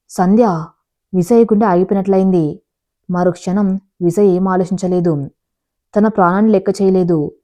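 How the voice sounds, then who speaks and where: A woman narrating a dramatic family story in a measured, even storytelling voice, reading the characters' lines too. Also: medium pitch.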